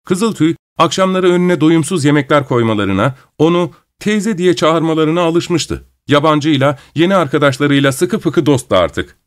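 A man reading a story aloud as an audiobook narrator, in calm, measured storytelling. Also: on the high side.

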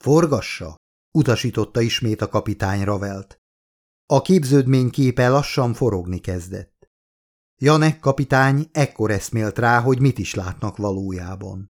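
A man reading his own novel aloud as an audiobook, in a steady, measured storytelling voice. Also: on the low side. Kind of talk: audiobook narration.

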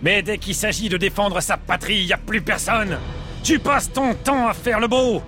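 A woman's voice: medium pitch, normal speed, over music, natural voice. A woman voicing a proud warrior prince in a children's radio drama, scolding with contempt. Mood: scornful.

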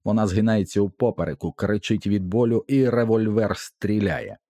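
A man narrating an audiobook with a tense, expressive dramatic reading. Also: fairly low pitch, moderate pace, dry recording, clean studio sound.

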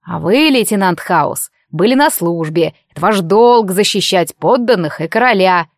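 A woman's voice: medium pitch, expressive, no room sound, studio quality. Woman voicing a cold, curt police chief. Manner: slow, clipped, dismissive.

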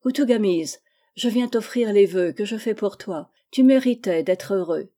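A woman's voice: medium pitch, animated, normal speed, warm tone, close to an everyday voice. A woman reading the part of a scheming male chief who speaks with false sorrow, insinuating and sighing.

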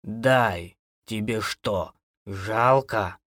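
A man reading an audiobook, voicing an old undead male ghoul who coaxes in a slow, falsely gentle way. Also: on the low side, no room sound, clean studio sound. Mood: wheedling. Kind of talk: audiobook character voice.

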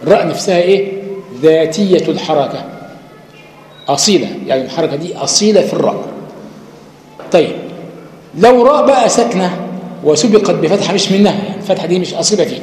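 A man's voice: high voice, lively intonation, fast, long pauses, a little mellow. A man with an Egyptian accent, a sheikh giving a spoken lecture on recitation rules, explaining step by step and asking and answering his own questions. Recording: echoey hall with faint noise.

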